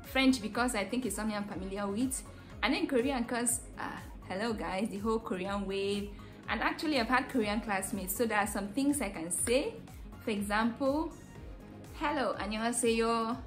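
A woman's voice: medium pitch, normal speed, faint music behind. A young Nigerian woman hosting a casual vlog, talking chattily to camera and laughing easily. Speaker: vlogger host.

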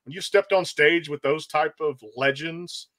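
A man with a fairly high-pitched voice hosts an interview. He asks long, rambling questions full of fillers. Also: a little slow, fairly bright tone. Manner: rambling, with many fillers and back-channel mm-hmms. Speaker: host.

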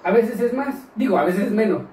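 A man's voice: sits high, animated, brisk, mellow. A man in his thirties with a Mexican accent, chatting casually in questions and answers. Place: indoors, small bare-walled room. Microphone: camera a couple of metres away. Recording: echoey room, distant mic, faint noise.

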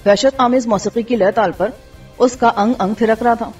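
A woman narrates a story in a steady, husky voice pitched a bit high. The sound is dull and slightly far from the mic, with faint music running under it. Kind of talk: scripted audiobook narration.

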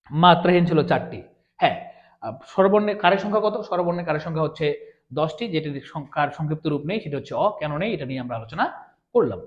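A man's voice: sits high, a little mellow. A man teaching a lesson, asking questions and repeating points as he explains. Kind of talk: classroom lecture. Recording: echoey room, dull lo-fi sound.

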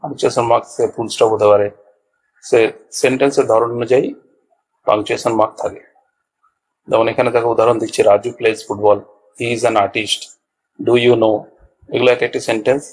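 A man with a steady, medium-pitched voice teaches basic grammar a little fast, yet leaves long pauses. Patient with his students, he takes each point step by step, repeats it, and checks in with "all right." His small clip-on mic yields a low-quality recording with slight background noise.

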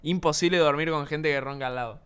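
Young man, Argentine accent, casual stream chat, slangy, swears a lot, smooth tone. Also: a little high, quick pace, a bit bright. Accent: Argentine Spanish.

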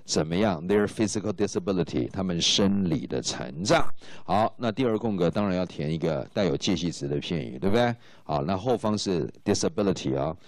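A man's voice: sits low, expressive, fairly quick, few pauses, dry recording. A man teaching English to exam students, explaining in Mandarin with English phrases and often checking if students follow. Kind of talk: exam-prep lecture.

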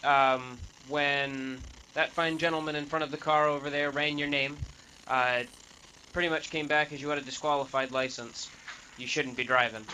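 A man's voice: a little high, steady tone, normal speed, bright, forceful tone, a little hiss or hum, poor audio. A man improvising as a police officer in a role-play game, explaining things matter-of-factly. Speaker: player acting as police officer.

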